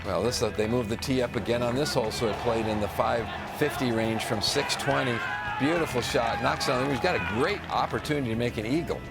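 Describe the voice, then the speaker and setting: A man's voice: mid-range voice, brisk, a loud crowd. A man speaking as a golf commentator and analyst, explaining play with music behind him. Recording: music bed under the voice.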